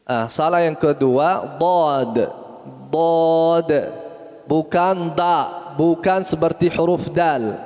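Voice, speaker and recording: A man teaching Quran recitation, correcting pronunciation and repeating letter sounds slowly. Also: on the high side, a little mellow, in a large hall. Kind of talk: tajweed lesson with recitation.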